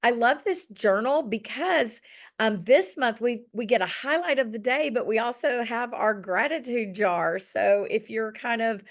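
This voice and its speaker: Leading a relaxed group journaling session online, a middle-aged woman talks in a slightly high voice at a measured pace. It's a little scratchy following an illness, and she keeps things chatty and encouraging, peppered with ums.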